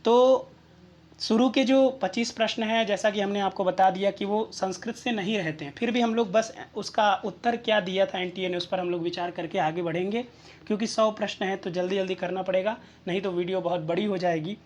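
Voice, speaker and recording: Woman teacher going through exam answers, steady and methodical, keeps asking "right?". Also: medium pitch, fairly quick. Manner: methodical, checks in with rhetorical questions. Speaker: Sanskrit exam tutor.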